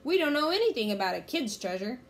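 A woman voicing an eager, brave young girl in a storybook, with a bright, piping way of talking. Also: sits high, sing-song, quick pace, voice pushed up.

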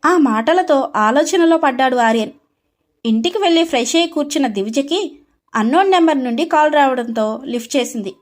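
High-voiced woman narrating a story. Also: brisk. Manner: expressive storytelling.

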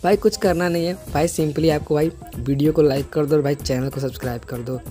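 A man's voice: a little high, fairly even intonation, a little fast, dark tone. A young man giving a casual app tutorial voice-over, repeating himself and addressing the listener as a buddy. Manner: repetitive, peppers sentences with "bhai". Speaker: tech video host. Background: background music.

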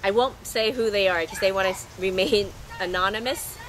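A woman's voice: mid-range voice, moderate pace. A middle-aged woman talking to her viewers in a chatty, rambling way, her voice still scratchy from losing it recently. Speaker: sailing travel vlogger. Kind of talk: casual unscripted monologue to camera.

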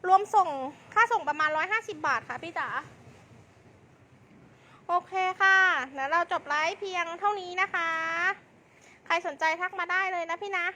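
Woman, very high pitch, bright forceful voice, live-stream seller, fast hype pitch, insistent repetition. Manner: insistent, repetitive sales patter.

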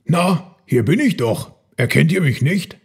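A man reading a storybook aloud, voicing a cheerful, playful male elephant in a gentle, good-humoured way. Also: fairly high pitch, animated, measured pace, vocal fry, breathy edge, pitched above the performer's own voice, full character voice.

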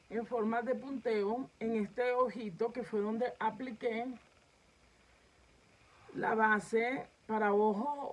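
A woman's voice: a little high, low-quality recording. A woman makeup vlogger demonstrating a makeup tutorial, chatting directly to her viewers as she films herself at home. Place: home setup filming herself.

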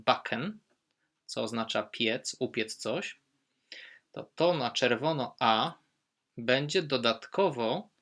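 A male German teacher talks through verb endings in a slow, unhurried way. His voice is bright and clear, and he calmly leans on each example word he wants learners to remember. It sounds like an online lesson recording. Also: medium pitch. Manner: patient, explains step by step, stresses German example words.

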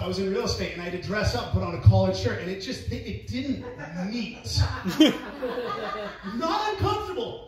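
A man doing a stand-up comedy set, chatty and self-mocking, laughing at his own jokes. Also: very high voice. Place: comedy club stage. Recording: roomy club from far off, crowd laughing.

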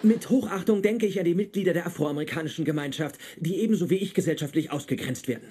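A man's voice: fairly high pitch, fast talker, mellow, slightly rough. A man dubbing a pedantic, socially awkward male genius physicist in a sitcom, speaking in a precise, formal and stiff way. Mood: prim. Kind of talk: dubbed sitcom acting.

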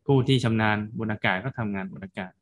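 A man's voice: lowish voice, fast, close to an everyday voice. A man voicing a clever male turtle in a told folk tale, earnestly arguing his worth. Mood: persuasive. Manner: earnest, persuasive storytelling speech.

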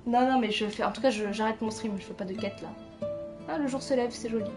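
Woman streamer, slightly high voice, loose chatty delivery, faint game music behind. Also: fast talker. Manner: chatty, chuckling, reads chat aloud. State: tired, late at night. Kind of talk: casual live-stream chat.

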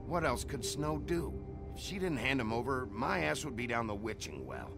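Gravelly, gruff wolf lawman Bigby. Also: medium pitch, very animated, normal speed. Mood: defensive. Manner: terse, guarded, blunt. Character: gruff, weary wolf lawman in human form. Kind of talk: video game voice acting. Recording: music behind the voice. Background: music.

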